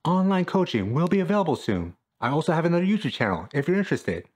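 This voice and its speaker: A man's voice: a little high, very animated, quick pace, breathy edge. Upbeat man coaching fitness to camera. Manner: upbeat, jokey, punchy. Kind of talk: scripted talk to camera. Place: small room at home, indoors.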